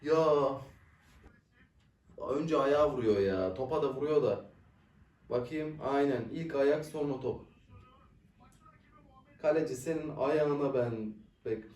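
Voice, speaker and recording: A young man hosting a casual football reaction video, excitable and quick to swear and groan at the play. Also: mid-range voice, recorded from a distance. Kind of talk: casual live match reaction. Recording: echoey room, voice a bit off-mic.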